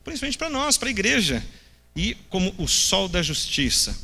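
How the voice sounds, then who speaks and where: A man's voice: sits high, big pitch swings, fairly quick, vocal fry, pushed and bright. A Brazilian man teaching a church Bible class, addressing the listeners as brothers and acting out the people's questions in a mocking tone. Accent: Brazilian Portuguese. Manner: talks straight to the class as brothers. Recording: long hall reverb.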